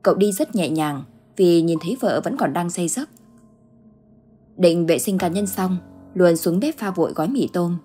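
A woman narrating a ghost story in a steady, measured storytelling manner. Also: lowish voice, soft background music.

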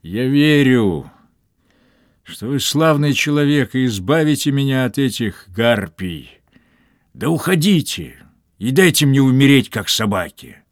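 A man's voice: mid-range voice, animated, unhurried, no echo, clean studio sound, voice pushed up, close to an everyday voice. A man voicing a stubborn, wounded captain who curses and refuses last rites, weak and in pain. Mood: defiant. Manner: gruff, scornful, swearing. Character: stubborn dying male captain, defiant, cursing.

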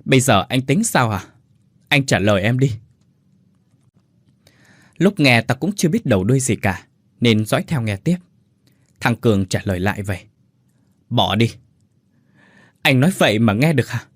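Guy doing a bossy teary factory woman, husky. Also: medium pitch, lively intonation, normal speed, pauses often, no room sound, clean studio sound, natural voice. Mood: sorrowful. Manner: bossy, scolding, then choked up. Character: blunt tearful female factory worker telling a tale.

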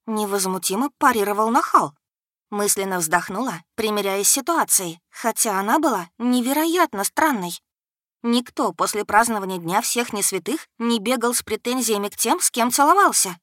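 A woman narrating a first-person audiobook in an expressive, steady storytelling manner. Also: fairly high pitch, normal speed, dry recording, clean studio sound.

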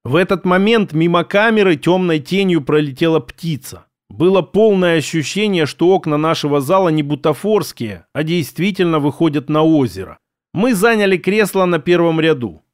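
A man narrating an audiobook in an even storytelling manner on a close microphone. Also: a little high, normal speed, no room sound.

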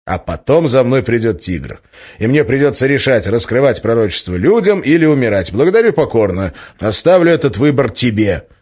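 A man's voice: medium pitch, expressive, moderate pace, darkish tone, voice pushed up, close to an everyday voice. A man voicing a tired, irritable grown magician in an audiobook, speaking curtly with a grumbling edge. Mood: fed up. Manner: curt, grumbling, flaring into outbursts. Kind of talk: audiobook character voice. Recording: slightly muffled lo-fi recording.

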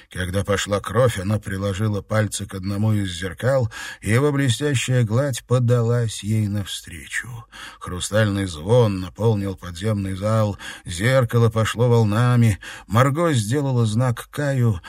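A man narrating a fantasy audiobook in a subdued, even storytelling manner. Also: fairly low pitch, dry recording, studio quality. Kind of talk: scripted narration.

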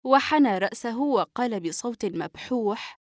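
A woman narrating a novel for an audiobook in a steady, even storytelling manner. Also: a little high, normal speed, dry recording, studio quality.

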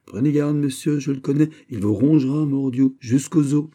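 A man reading an audiobook voices a lively young count of the royal court, bantering and exclamatory. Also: medium pitch, moderate pace, voice pushed up, natural voice.

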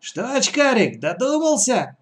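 A man's voice: very high-pitched, wildly swooping pitch, unhurried, voice pushed up, full character voice. A man voicing a greedy, fierce old woman who leads a band of pirates, in a bossy, mocking way. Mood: impatient.

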